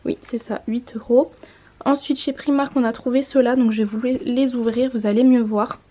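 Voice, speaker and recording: With a warm, fairly high voice, she speaks at a normal pace in a steady tone. The speaker is a mom vlogger in her twenties doing a casual haul vlog by a window at home, presenting clothes to the camera and correcting herself as she goes.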